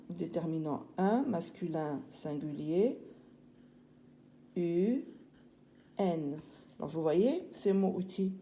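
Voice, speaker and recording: Woman, schoolteacher, slow patient explaining, mellow voice, faint hiss. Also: on the low side. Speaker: primary school teacher. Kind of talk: handwriting lesson for children.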